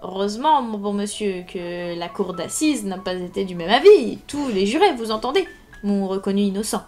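A cornered male servant accused of murder, his protests jumping high and loud before they crumble into a stammer, played by a woman reading a novel aloud. Faint music runs underneath the reading. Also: lively intonation, normal speed, close to an everyday voice. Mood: defiant. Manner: protesting, panicky, stammering denials. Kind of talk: live audiobook reading.

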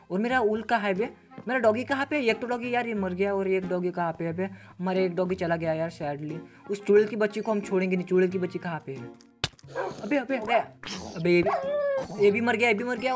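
A man hosting a gaming channel talks through his gameplay at a rapid clip. He is excitable and keeps firing off slangy exclamations. Faint game music plays underneath. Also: high-pitched. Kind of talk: Let's Play gameplay commentary.

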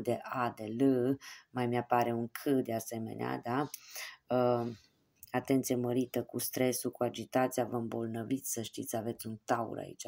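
An adult fortune teller from Romania reading coffee grounds in a solo video, speaking straight to viewers in a slow, confiding way and checking in often with a quick "yes?". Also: mid-range voice, vocal fry, a little mellow. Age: adult with children.

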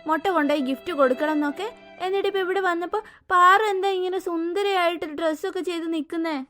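A woman's voice: very high voice, fairly even intonation, fast, a bit bright, soft background music. A woman voicing a jealous, stubborn little girl in a cartoon who pleads and demands. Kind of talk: cartoon voice acting.

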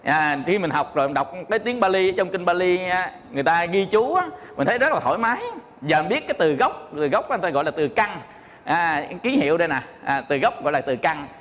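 A Buddhist monk teaches an audience, breaking ideas down step by step, scattering fillers and checking that they follow. His voice sits high for a man. The sound carries a long hall reverb. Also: lively intonation, fast talker, a bit bright, slight background noise. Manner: explanatory, often asks "hiểu không?", many "à" fillers. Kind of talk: dharma talk to an audience.

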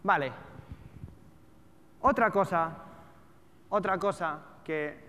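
On a large auditorium stage before a seated audience, a trader and trading educator in his thirties speaks with a European Spanish accent. His voice is high, slow, bright and forceful, and his talk is informal and colloquial, packed with rhetorical questions. The echoey hall carries background noise.

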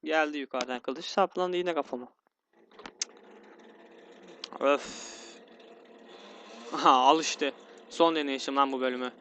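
A man's voice: fairly high pitch, fairly even intonation, brisk, a bit bright, slight background noise. A man commentating his own gameplay, grumbling and getting easily frustrated, with sighs and yelps. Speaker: gaming YouTuber. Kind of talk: let's play commentary.

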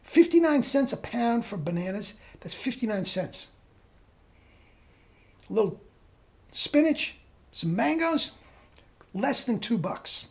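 Woman, video rant, scornful, mocking, swooping pitch. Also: very animated, takes it slowly, gravelly, pauses often. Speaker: weight loss coach. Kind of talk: ranting video monologue.

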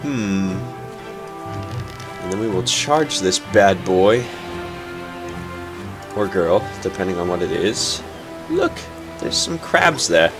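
With game music playing, a young gaming channel host chats his way through a laid-back let's play, playful and easily thrilled. He speaks low and slowly with long pauses, and his nose is slightly stuffed.

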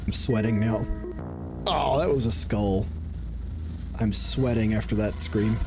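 Recorded on a close desk mic and headset at an indoor gaming setup, with game music behind him, a man in his thirties hosts a gaming video. His voice is on the low side and a little slow as he jokes casually about the gameplay, repeating himself and swearing often.

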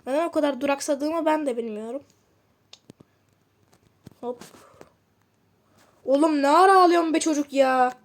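A woman's voice: high voice, moderate pace, long pauses. A woman giving casual commentary while playing a game, chatting and muttering to herself with frustrated outbursts. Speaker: gamer.

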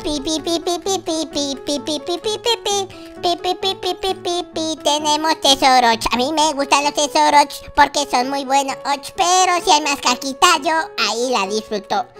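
Bright squeaky baby boy noob, lisping baby talk, timid yet boastful, game video with faint music. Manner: childish lisp, baby talk. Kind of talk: Minecraft gameplay voice acting. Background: faint background music.

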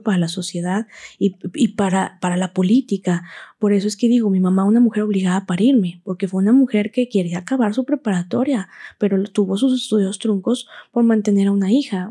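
A woman's voice: medium pitch, dark tone, husky. A woman, a podcast guest telling her personal story with fervent, impassioned delivery. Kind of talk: emotional personal testimony.

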